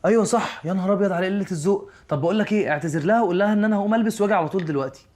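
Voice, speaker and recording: A man's voice: high voice, racing, a little mellow, natural voice. A man playing a sulky touchy husband. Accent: Egyptian Arabic. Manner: sulky, passive-aggressive. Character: young husband, sulking and touchy. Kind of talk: TV comedy series acting.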